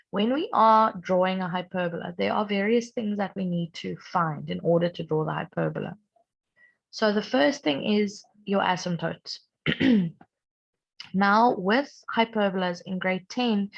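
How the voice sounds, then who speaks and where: A young woman who teaches maths is sick and strained, patiently walking through a recorded lesson and clearing her throat often. Her voice is medium-pitched, and the recording is dull and lo-fi.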